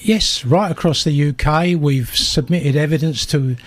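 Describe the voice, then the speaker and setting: An older man with a South London accent speaks as a radio interview guest. He tells his stories in an animated way, slipping into the voices of others. The sound is dry and close. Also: fairly high pitch, measured pace, no echo. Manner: animated storyteller, acts out dialogue.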